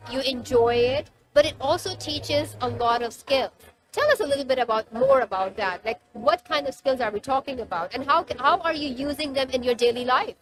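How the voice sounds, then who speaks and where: Female interviewer, very high pitch, curious and eager. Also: poor audio. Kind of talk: casual interview.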